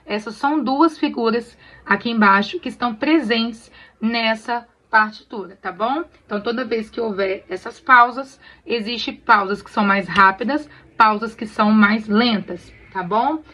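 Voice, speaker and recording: A Brazilian woman gently teaching church choir singers to read sheet music, often checking they follow along. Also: fairly high pitch, moderate pace, hardly any pauses. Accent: Brazilian Portuguese. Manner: friendly, explains patiently with many "tá bom?" checks. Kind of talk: casual tutorial on reading sheet music.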